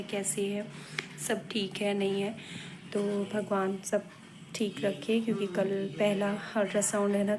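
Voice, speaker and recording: A woman's voice: mid-range voice, noisy background. A young pregnant woman chatting casually to the camera at home as a family vlogger. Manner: chatty, talks straight to the camera. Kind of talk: casual home vlog chat. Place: at home, sitting on a sofa.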